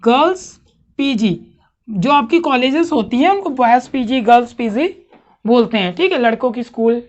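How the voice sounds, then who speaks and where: High-voiced woman teaching grammar. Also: expressive, normal speed, dull audio. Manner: questioning, checks understanding often. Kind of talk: classroom grammar lesson.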